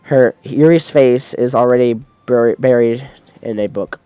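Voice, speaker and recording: A man's voice: mid-range voice, a little slow, warm tone, clear, resonant tone, dry recording. A man streaming a game, reading its text aloud in a casual let's-play, often stumbling and restarting mid-word and laughing easily. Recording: dull lo-fi sound, dry close mic, faint music behind.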